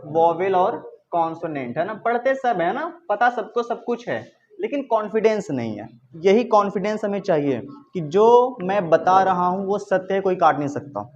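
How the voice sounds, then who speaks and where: A male teacher runs an English lesson in a classroom, lively and coaxing, firing questions at his students and repeating them. The recording is slightly muffled, with a faint hum underneath. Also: sits high, moderate pace.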